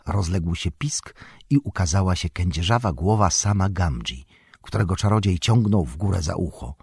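Male audiobook narrator, low voice, breathy, dry close mic, calm reading. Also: moderate pace, dry recording. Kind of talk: scripted narration.

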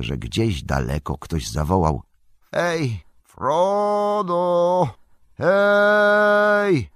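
A man reading a fantasy novel aloud as an audiobook narrator, in measured, expressive storytelling. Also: a bass voice, husky, no room sound, studio quality.

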